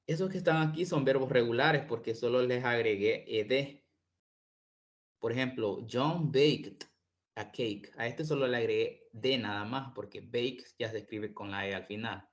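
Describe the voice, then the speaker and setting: A man teaching an online English lesson, explaining slowly and repeating words for pronunciation. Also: mid-range voice.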